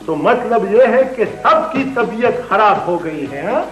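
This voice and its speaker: A man's voice: sits high, expressive, measured pace, fairly bright tone, faint music behind. An actor playing a grumpy, stubborn old grandfather, in a roomy old TV studio recording. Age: older. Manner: testy, stubborn, repeats "samjhe?". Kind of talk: 1980s TV drama acting.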